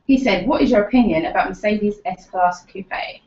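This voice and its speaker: A woman's voice: medium pitch, normal speed, a little mellow. A British woman, a producer informally reading out questions sent in by viewers. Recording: roomy, slightly dull off-camera sound.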